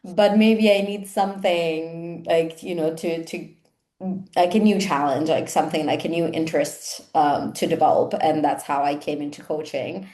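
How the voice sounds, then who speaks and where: A woman's voice: sits low, steady tone, normal speed, warm tone. A woman from Italy, a coach chatting casually as an interview guest and peppering her talk with "like". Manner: chatty, frequent "like" fillers. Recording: roomy echo.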